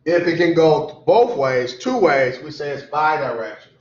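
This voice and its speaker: A tired, sleepy man teaching a lecture class, repeating definitions slowly so students can write them down. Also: fairly high pitch, lively intonation. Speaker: college instructor. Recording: echoey classroom, dull lo-fi sound.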